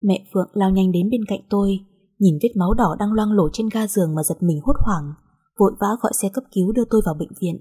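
A woman narrating a dramatic first-person audio story in a soft, emotional way. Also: medium pitch, quick pace, husky.

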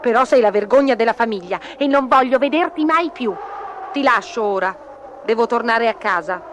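A proud young she-cat with a bright, brisk voice, as a woman puts her on. She speaks coolly and curtly, a bold storybook character. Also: fairly high pitch, expressive, slight background noise, natural voice. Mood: dismissive.

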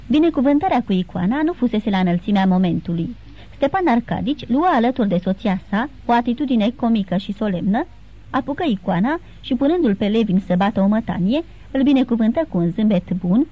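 A woman reading a classic novel aloud as audiobook narrator, steady and literary. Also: fairly high pitch. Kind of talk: scripted narration. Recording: tinny phone-like sound.

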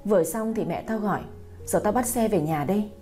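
A woman's voice: mid-range voice, fairly quick, warm tone, faint music behind, close to an everyday voice. A woman voicing a young mother frantic over her missing son, speaking tearfully and pleadingly. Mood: distraught.

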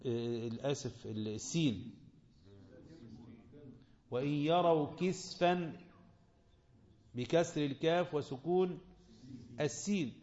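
Egyptian male religious teacher, slightly high voice, echoey muffled lo-fi recording. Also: darkish tone. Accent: Egyptian Arabic. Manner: quizzes listeners, slows to recite verses. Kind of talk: Quran commentary lesson. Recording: echoey, dull lo-fi room recording.

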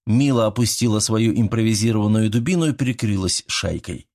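Brief: male audiobook narrator, steady and even. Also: on the low side, fairly quick. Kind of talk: scripted narration.

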